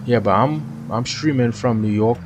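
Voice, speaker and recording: This streamer from Trinidad, with a Trinidadian accent and a mid-range voice, talks at a moderate pace while playing a police game live. He banters casually with chat and laughs frequently, with noise audible behind him.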